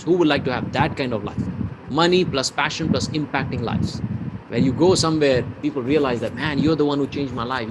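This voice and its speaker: A man's voice: mid-range voice, background noise. A man from India with an Indian accent, a business mentor leading a live webinar with rhetorical questions and mixing in Hindi. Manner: energetic, rhetorical, reads out chat replies, mixes in Hindi.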